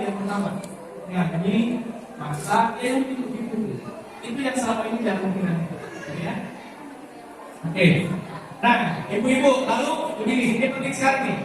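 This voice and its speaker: A man giving an informal parenting talk to an audience of mothers, chatty and often asking the audience questions. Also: high voice. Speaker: parenting seminar speaker. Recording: very echoey hall, distant voice, background noise.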